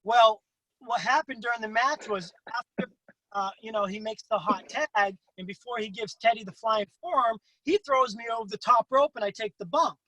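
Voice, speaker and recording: A man hosting a casual interview over a video call who swears freely and jumps into excited voices when he quotes other wrestlers. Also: normal speed, no echo, low-quality recording. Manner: profane, swears freely in anecdotes; acts out quotes with big pitch jumps. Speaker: interview host.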